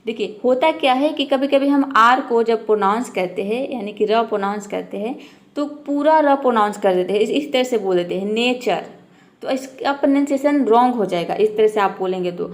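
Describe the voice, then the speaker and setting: A woman's voice: fairly high pitch, a little fast. A woman teaching English pronunciation to beginners, patiently repeating each rule and asking the viewer questions. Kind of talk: step-by-step pronunciation lesson.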